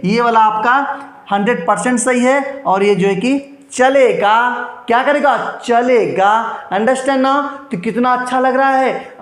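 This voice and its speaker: A male teacher giving an English grammar lesson in Hindi, who asks himself questions, keeps repeating "understand", and stretches words slowly to show their sounds. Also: extremely high pitch, fairly bright tone. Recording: roomy, echoey room.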